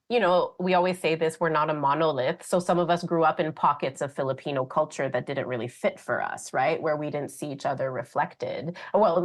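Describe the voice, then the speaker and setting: Lady radio host, lowish voice, upbeat and excited. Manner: enthusiastic, animated. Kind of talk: community radio talk.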